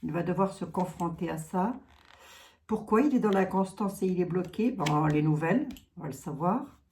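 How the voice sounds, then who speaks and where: A woman's voice: on the low side, lively intonation, normal speed, a little mellow, slight background noise. A woman with a Lorraine accent giving a tarot card reading, musing aloud with trailing asides and frequent tags. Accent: Lorraine French.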